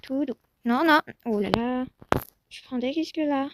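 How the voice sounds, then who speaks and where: The background is noisy as a young woman, her voice sitting high and her pace a bit slow, narrates her Roblox horse-riding roleplay. She talks straight to her virtual horse, calling and coaxing in a calm, soothing way that turns to panicked shouting.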